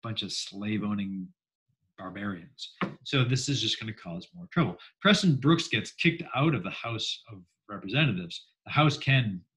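A man's voice: medium pitch, lively intonation, normal speed, few pauses, fairly bright tone, low-quality recording. A man teaching a history class in a casual, jokey way, acting out quotes in mock voices. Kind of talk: classroom lecture.

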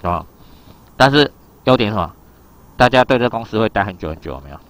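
A man teaches an exam reading lesson in a loose, chatty way. His voice sits low and he talks fast. He keeps asking his students whether they follow along. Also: lively intonation, fairly bright tone, dry recording. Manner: explains in a loose conversational way. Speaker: Japanese teacher.

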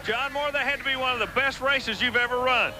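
A man interviewing drivers trackside at an outdoor racetrack, into a handheld mic, with quick, upbeat questions. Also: very high-pitched, fairly even intonation, background noise. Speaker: pit reporter.

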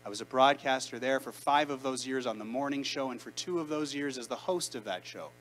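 A Canadian man of about thirty, a rabbi, delivers a conversational sermon into a handheld mic in a large sanctuary, picked up by a distant camera. His mid-range, fairly bright voice preaches emphatically with deliberate pauses. The low-quality recording carries slight background noise.

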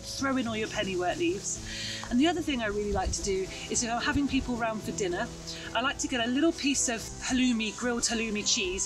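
A woman's voice: fairly high pitch, distant mic, poor audio. A woman in her thirties chattily teaching about wild plants, recorded outdoors in a hedgerow lane and woodland. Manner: bright, chatty, enthusiastic explaining. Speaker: foraging teacher. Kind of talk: outdoor foraging lesson.

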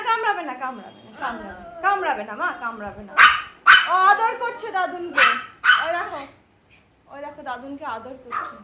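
A woman's voice: high-pitched, heavy background noise. A woman talking baby talk to her pet dog at home, sing-song and doting, repeating her phrases.

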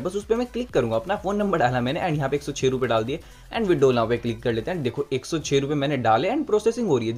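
A fast, animated young man with a fairly high voice records a casual gaming tutorial voice-over, mixing Hindi and English. This gaming video creator is chatty and persuasive, calling viewers his buddies, with background music playing behind his voice.

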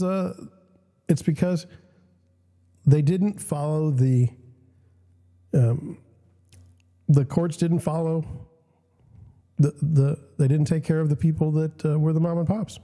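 A man's voice: fairly high pitch, warm tone, long reverb tail. A young man with a scratchy voice and a cough, hosting casual commentary, reading out news and questions and giving blunt opinions with frequent restarts. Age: young adult. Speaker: host.

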